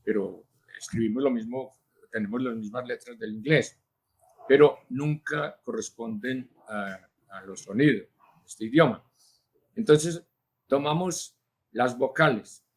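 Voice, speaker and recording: A man, a linguist answering interview questions in a measured, teacherly way, with frequent hesitations. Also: medium pitch. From Colombia. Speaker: linguist and journalist, interview guest.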